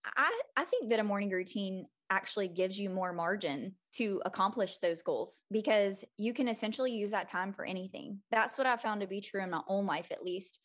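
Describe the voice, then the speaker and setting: Woman in her thirties, podcast guest, friendly and earnest, mid-pitched voice. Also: lively intonation, moderate pace, hardly any pauses. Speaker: guest, mom coach. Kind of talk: casual interview chat.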